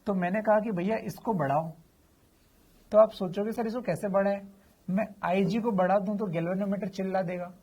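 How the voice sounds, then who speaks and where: A man's voice: high-pitched, fairly even intonation, normal speed, a little mellow, slightly rough. A man teaching physics in a chatty, informal lecture, asking questions and answering them himself. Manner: addresses students familiarly, slips in slang.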